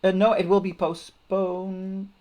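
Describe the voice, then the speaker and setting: A woman hosting a casual livestream chat, relaxed and halting, often restarting her sentences. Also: mid-range voice. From Netherlands. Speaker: host.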